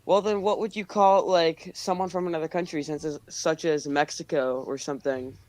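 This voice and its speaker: A man's voice: a little high, steady tone, moderate pace, no room sound. An American man in casual chat, defending himself as his friends tease him. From United States. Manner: defensive, arguing his point.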